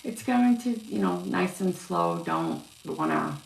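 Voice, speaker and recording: A woman giving a casual psychic reading on a live stream, talking haltingly with many fillers and restarts. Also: on the low side, creaky. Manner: halting, filler-heavy, yawning. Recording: echoey room with faint noise.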